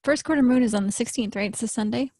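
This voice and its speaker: A woman's voice: fairly high pitch, fast talker, a little mellow, no room sound, studio quality. A woman hosting a podcast, listening eagerly and asking follow-up questions in a casual chat. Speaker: podcast host.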